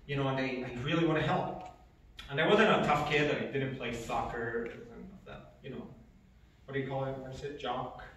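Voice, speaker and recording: A man's voice: mid-range voice, steady tone, moderate pace, a bit bright, a little hiss or hum. A man, giving an earnest personal testimony with emphatic repetitions. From Egypt. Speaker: speaker. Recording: echoey hall from far off.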